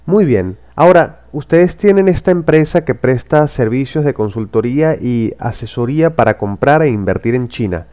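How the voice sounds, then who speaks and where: A man hosting an interview podcast, speaking in a formal, measured way. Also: mid-range voice, expressive, mellow, smooth. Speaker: podcast host.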